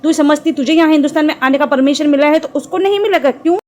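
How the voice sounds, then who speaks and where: A woman's voice: high-pitched, quick pace, darkish tone. A woman vlogger delivering an angry reaction commentary, scolding and mocking with insults.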